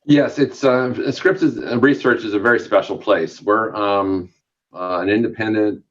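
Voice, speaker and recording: A male research executive answers an interview question in a very low voice. He speaks formally but stops now and then on filler sounds, and the recording sounds slightly dull. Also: fairly even intonation, unhurried. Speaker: research institute executive guest. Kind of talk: studio interview.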